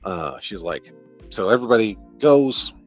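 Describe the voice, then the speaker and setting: This Detroit-area streamer, a man with a Midwestern American accent, sarcastically reviews a novel on a livestream, cursing and laughing freely. He speaks in a lowish voice with big swings in pitch at a moderate pace. The recording is muffled and carries faint background music.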